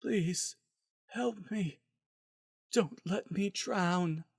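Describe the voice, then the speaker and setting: A desperate, deranged patient pleads in a raised, high voice. The delivery is plaintive and theatrical, as in a dramatic storybook reading, recorded dry and close to silence of any room. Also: male voice, extremely slow, gravelly, slightly rough, dry recording, exaggerated voice. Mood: desperate pleading. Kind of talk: dramatic reading of fan fiction.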